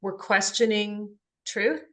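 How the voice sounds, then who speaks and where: A woman's voice: medium pitch, slow. Woman podcast host, mid-range voice, earnest spiritual conversation. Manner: earnest, talks about soul and energy.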